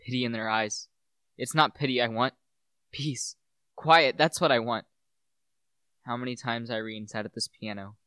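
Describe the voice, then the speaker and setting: Performing a radio play monologue, a young male student actor takes the solemn, theatrical role of a devoted husband now widowed, sounding haunted and full of grief. He speaks at medium pitch and a moderate pace with long pauses and fairly even intonation, his natural voice pushed, bright and smooth. The recording is dry.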